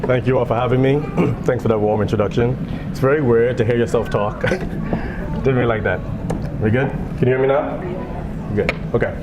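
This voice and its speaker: A man from the Bahamas in his thirties, a physician giving a fundraiser speech with a relaxed manner and joking asides. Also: medium pitch, normal speed. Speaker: guest speaker, physician. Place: event hall. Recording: echoey hall with background noise.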